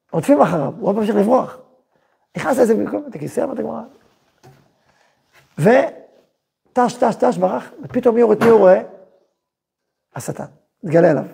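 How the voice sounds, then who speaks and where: A man teaching a Torah class as a rabbi, telling a story and acting out its voices with emphatic, lively delivery. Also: high voice, creaky, breathy edge. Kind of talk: animated Torah lesson with storytelling.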